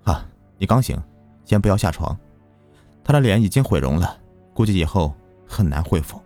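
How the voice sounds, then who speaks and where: A man voicing a calm, matter-of-fact hospital doctor. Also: low-pitched, normal speed, faint music behind.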